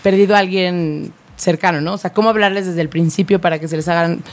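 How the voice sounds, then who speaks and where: A woman's voice: fairly low pitch, fairly even intonation, quick pace. A woman with a Mexican accent hosting a talk show, chatty and telling personal stories. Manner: chatty, tells personal anecdotes. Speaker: show host reading viewer comments. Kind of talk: casual chat.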